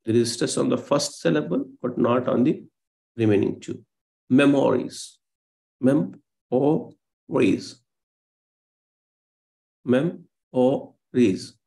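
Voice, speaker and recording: A man teaches a live online class with a gravelly, mid-range voice. He explains patiently, pausing on fillers and correcting himself as he goes. The sound comes through a video call. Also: medium pitch, darkish tone. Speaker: lecturer.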